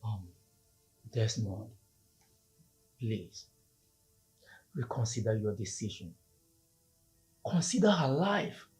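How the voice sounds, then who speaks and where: An actor playing a grave family doctor in a film drama, appealing formally and deliberately. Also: male voice, on the low side, very animated, darkish tone, soft background music. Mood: solemn pleading.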